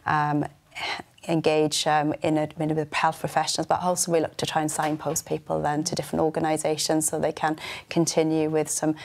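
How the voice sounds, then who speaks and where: A woman in her thirties speaking as a studio guest into a lapel mic. Her voice is very low and flat, and she answers in careful phrases broken by pauses. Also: creaky. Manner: measured, with many "um" pauses. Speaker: advanced physiotherapist.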